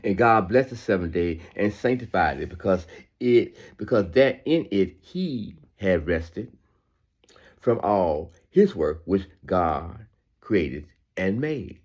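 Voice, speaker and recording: This man's voice sits low with a darkish tone, and he speaks slowly but with animation. Reading scripture with informal sermon commentary, he repeats phrases emphatically and keeps checking for agreement through conversational asides.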